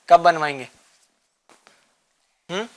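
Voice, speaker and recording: A man hosting a children's religious show, coaxing the kids with repeated questions and gentle teasing. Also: a little high. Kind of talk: quizzing children in a studio class.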